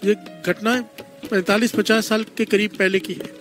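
High pitched guy preaching a story sermon, slow deliberate delivery, keeps getting the crowd to call back. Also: flat delivery, fairly bright tone, faint music behind. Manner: call-and-response preaching, leads the congregation in responses.

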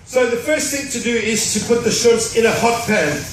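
Chef explaining a recipe in an echoing hall. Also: male voice, very high-pitched, lively intonation, moderate pace. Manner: explanatory, dryly joking. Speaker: cruise ship chef. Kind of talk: cooking demonstration. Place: cruise ship show stage before an audience. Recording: echoey hall, distant mic, noise.

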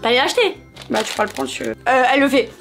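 Chatty woman doing a haul vlog, bit high voice, soft music behind. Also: expressive, racing, creaky. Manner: bubbly, chatty, calls viewers "mes amours". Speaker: haul vlogger. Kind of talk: casual haul video chat.

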